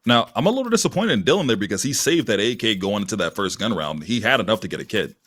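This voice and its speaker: A man doing live esports commentary as a caster, lively and husky, with casual asides. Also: fairly low pitch, quick pace. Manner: animated esports caster delivery. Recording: music behind the voice. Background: music.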